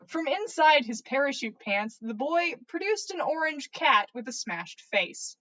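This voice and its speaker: A woman with a high-pitched, sing-song voice and sharp tone reads fan fiction from listeners at an unhurried pace during a livestream. The podcast host performs it playfully and theatrically, stumbling on words and swearing along the way.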